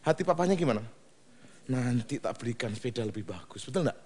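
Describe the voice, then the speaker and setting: A man preaching a lively sermon, teasing the congregation and swinging up to shouts and back. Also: medium pitch, fast talker. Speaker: pastor. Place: large church hall.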